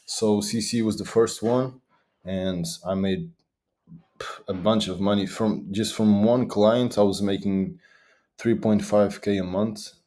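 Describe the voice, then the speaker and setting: A man's voice: lowish voice, steady tone, dark tone. A young man from Madeira, Portugal, answering interview questions eagerly with frequent restarts. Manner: eager, talks fast with restarts. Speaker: guest.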